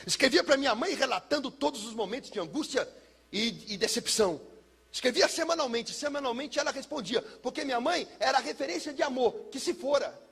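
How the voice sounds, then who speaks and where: A middle-aged pastor with a high, gravelly voice and a husky edge tells his life testimony. He spins it like a dramatic story and sinks low and quiet at the painful parts. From São Paulo, Brazil. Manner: dramatic storyteller, drops low and soft for heavy moments. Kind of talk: personal testimony sermon.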